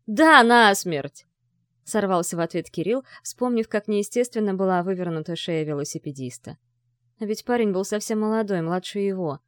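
A woman's voice: mid-range voice, fairly quick, a little mellow, no room sound, clean studio sound. Woman narrating a tense thriller audiobook.

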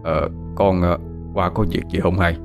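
Man playing a halting older father. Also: low-pitched, flat delivery, over music. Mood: hesitant. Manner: hesitant, halting. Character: older village father, awkward and evasive.

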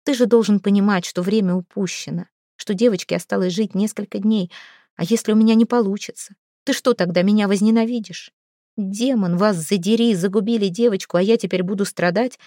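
A woman voicing a sharp-tongued, weary healer who scolds and gives orders in a raised voice. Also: mid-range voice, fairly even intonation, a little fast, dry recording, clean studio sound, natural voice. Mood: commanding.

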